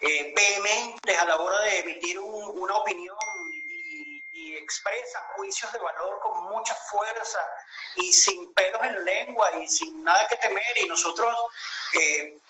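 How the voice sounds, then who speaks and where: Speaking over a video call, a Venezuelan-accented interview guest in his late thirties tells his story reflectively, with many hesitations. His voice is high-pitched and a little slow. The low-quality recording has an echoey room and crowd noise.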